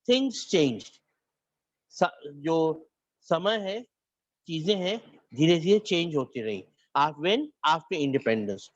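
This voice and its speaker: Switching between Hindi and English, this north Indian–accented teacher dictates points to the class, often repeating himself and starting phrases over. His voice sits on the high side, captured without echo but with the highs cut off.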